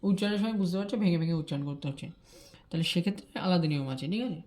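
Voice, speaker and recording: A woman teaching English grammar, explaining rules quickly and repeating key terms to check that students follow. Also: on the low side, a little mellow.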